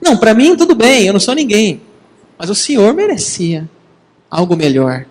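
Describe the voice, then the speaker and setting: A man preaching a sermon in a lively, conversational way, addressing the congregation as brothers. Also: high voice, normal speed, big-room sound, poor audio. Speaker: pastor.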